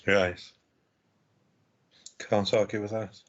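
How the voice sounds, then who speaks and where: A man co-commentating a live game, measured and reflective as he chimes in on plays. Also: on the low side, little pitch movement, a bit bright, highs cut off.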